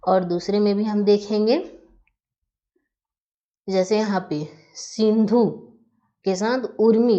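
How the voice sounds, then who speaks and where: A woman teaching a grammar lesson, who explains each step slowly, asking questions and then answering them herself. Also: mid-range voice, dark tone. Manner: patient, asks and answers her own questions. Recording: dull lo-fi recording.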